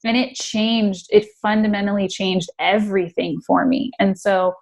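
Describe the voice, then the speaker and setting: Female interview guest, earnest and animated, laughs easily, mid-pitched voice. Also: normal speed. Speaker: guest brand strategist. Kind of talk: casual interview chat.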